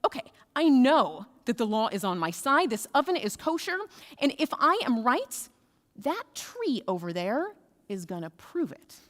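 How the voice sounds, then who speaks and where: A woman's voice: on the low side, very animated, unhurried, mellow. A woman voicing a frustrated, insistent male rabbi of old, speaking with exasperated emphasis. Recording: reverberant sanctuary hall.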